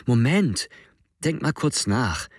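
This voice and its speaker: Man playing a scared teenage boy, pleading and shrill, wide swinging pitch, dry close audiobook sound. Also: sing-song, takes it slowly, breathy edge, no echo, heavily acted. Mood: insistent. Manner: high-pitched, pleading, upset. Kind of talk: audiobook reading.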